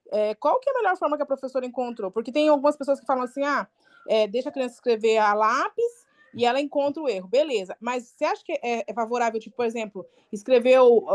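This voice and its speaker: A woman student asking her teacher a question, with hesitant fillers along the way. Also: fairly high pitch.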